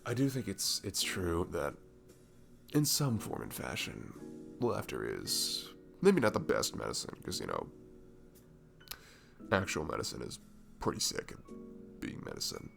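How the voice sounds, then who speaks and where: A male actor voices a cute, sweet young barista in an ASMR roleplay, chatting softly and casually over clear background music. His exaggerated delivery is slow, gentle, rambling, and hesitant, with lively pitch swings and breathy chuckles and sighs. The mood is comforting and musing.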